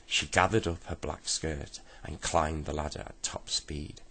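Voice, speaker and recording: A man reading a children's bedtime story aloud in a gentle, steady way. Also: extremely low pitch, unhurried, gravelly, slightly rough.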